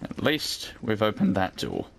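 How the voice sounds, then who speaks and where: British male let's play host: deeper voice, wry, sweary, offhand, over audible game sound. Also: wildly swooping pitch, unhurried, creaky, fairly bright tone, a little hiss or hum. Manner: sweary, dry, wry understatement. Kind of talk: casual gameplay commentary. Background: video game sound.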